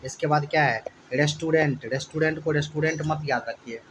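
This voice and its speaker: Spelling words letter by letter and slowly repeating each syllable, a man coaches exam students. His pitch is fairly high, and the rough recording carries a slight hiss or hum.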